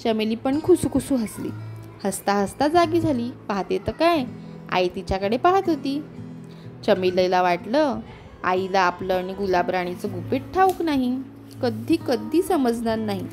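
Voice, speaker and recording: Woman storyteller, expressive read-aloud, fairly high voice, faint music behind. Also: a little slow. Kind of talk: children's story narration.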